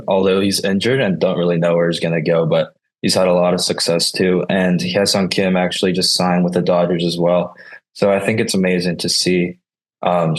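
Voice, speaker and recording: A man about twenty from South Korea, a college baseball player answering interview questions in a soft, hesitant way with many uhs. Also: sits low.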